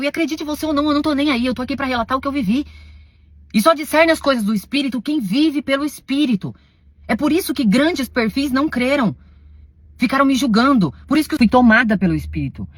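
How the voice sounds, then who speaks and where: A woman talks quickly in a fairly high voice, giving an emotional religious testimony straight to her followers. She sounds defensive and insistent, and her voice swings between hushed, pleading stretches and raised outbursts. The sound is dry and close, with no room echo. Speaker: self-described servant of God recounting a spiritual experience.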